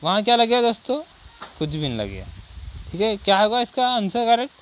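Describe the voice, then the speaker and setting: With big pitch swings and a slightly bright, high male voice, a coaching teacher gives a Hindi lesson on English articles. He slowly reads English example sentences and drills with repeated rhetorical questions and "ठीक है."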